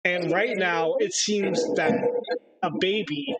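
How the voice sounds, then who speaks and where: A man voicing a self-important male bear judge, speaking slowly and formally in live-streamed game role-play. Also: sits high, very noisy, pitched above the performer's own voice. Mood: pompous.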